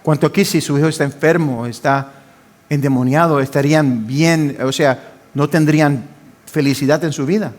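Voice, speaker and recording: An older man, a pastor, preaching a fervent sermon that swings between loud pleading and quiet asides. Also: fairly high pitch, steady tone, moderate pace.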